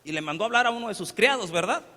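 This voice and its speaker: A man's voice: high voice, expressive, racing, in a large hall, very noisy. A male pastor preaching a sermon in a church, telling the story conversationally and often asking rhetorical questions. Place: church sanctuary.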